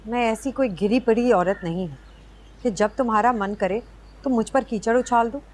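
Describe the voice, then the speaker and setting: A woman's voice: fairly high pitch, moderate pace, darkish tone, slight background noise, lightly acted. An actress playing a proud young woman who speaks firmly and defiantly. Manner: firm, defiant. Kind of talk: TV serial acting. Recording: background music score.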